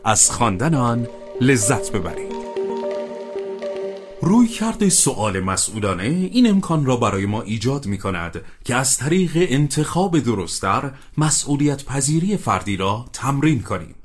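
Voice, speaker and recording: A man narrating an audiobook in a calm, measured reading voice. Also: medium pitch, faint music behind.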